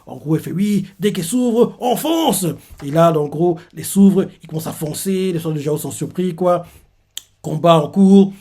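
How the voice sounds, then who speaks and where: A man's voice: a little high, mellow. A man casually recapping a manga chapter in a rambling, loose way, leaning on filler phrases. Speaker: manga reviewer.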